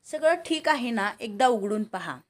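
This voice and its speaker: A woman's voice: fairly high pitch, lively intonation, a little slow. A woman voicing a shy, modest young woman in a family audio story, speaking politely.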